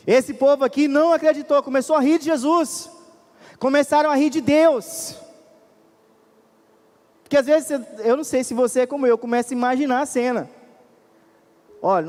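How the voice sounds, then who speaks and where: High-voiced Brazilian pastor preaching. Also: male voice, darkish tone, in a large hall. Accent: Brazilian Portuguese. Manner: preaching with sudden rises and drops, questioning the congregation. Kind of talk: sermon. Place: church.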